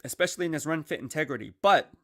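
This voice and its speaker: A man hosts his own football analysis show in a casual, energetic monologue, talking rapid-fire in a rather high voice while losing it. He keeps checking in conversationally with "right?" and "all right?".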